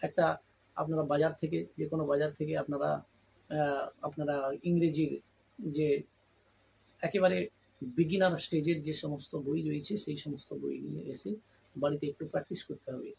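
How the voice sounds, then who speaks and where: A man teaches English in a patient lesson. His voice sits a little high, with a gravelly edge. He breaks words into syllables and spells each letter slowly over faint background noise. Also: fairly even intonation, darkish tone, low-quality recording. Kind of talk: spoken lesson.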